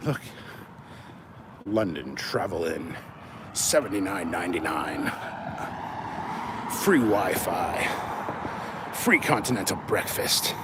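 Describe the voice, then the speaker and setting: Walking along city streets near traffic, a man livestreams casually, rambling, joking, and swearing as he goes. His low voice is very animated yet slow, with frequent pauses, and passing cars make the outdoor recording noisy.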